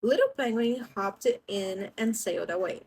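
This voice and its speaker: A woman's voice: medium pitch, animated, normal speed, vocal fry, a little mellow, a little hiss or hum, poor audio. A young woman reading a children's story aloud, chatty and gushing between pages. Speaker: storybook reader.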